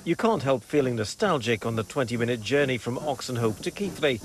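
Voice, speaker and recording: A man's voice: mid-range voice, animated, a little fast, very noisy. A man working as a TV news reporter, narrating a regional report and interviewing on location.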